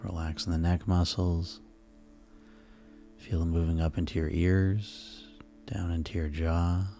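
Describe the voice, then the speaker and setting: A man guiding sleep hypnosis in a soft, soothing, unhurried manner, leaving pauses between phrases. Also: sits low, level tone. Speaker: hypnosis guide. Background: relaxation music.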